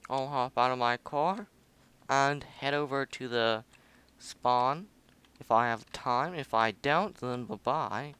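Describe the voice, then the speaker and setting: A young man with a smooth, bright, forceful mid-range voice hosts a gameplay video, casually commenting on his own space game footage. He rambles, hums, mutters to himself and makes jokes at his own expense.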